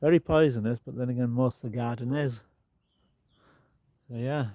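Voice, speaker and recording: With no room sound on the recording, a garden vlogger speaks in a mid-range, stuffed-up nasal voice at a moderate pace. Holding his phone, he walks around his outdoor garden in a casual walk-and-talk, chatty and rambling with relaxed asides.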